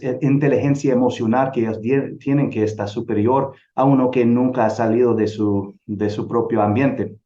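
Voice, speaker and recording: A middle-aged man from El Salvador giving an earnest church missions lecture, often pausing and restarting phrases. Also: mid-range voice, warm tone. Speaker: missions teacher. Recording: roomy, dull lo-fi sound.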